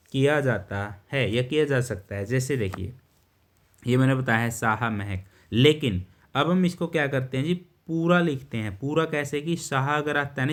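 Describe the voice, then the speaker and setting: A man teaching shorthand, explaining step by step in a patient way and often pausing to check understanding. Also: fairly high pitch. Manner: patient, repeats words and checks with "theek hai". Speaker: steno teacher. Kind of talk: explaining a lesson while writing.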